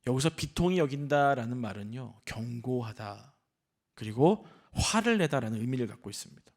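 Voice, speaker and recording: A man, a senior pastor, preaching a sermon in an animated style, asking the congregation questions and acting out the voices in the story. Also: mid-range voice, a little fast.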